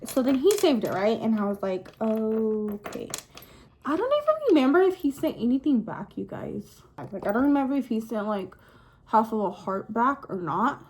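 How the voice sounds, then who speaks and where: Speaking to camera at a moderate pace, this young adult vlogger shares a gossipy story, her higher-pitched voice confiding and animated. Girl-talk asides pepper the casual chat.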